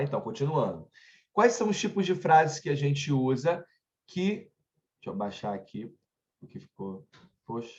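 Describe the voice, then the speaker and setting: A man with a Brazilian Portuguese accent and a darkish, mid-range voice teaches an online grammar lesson conversationally. He often pauses to check in with his students and wanders into chatty personal asides. The recording sounds muffled.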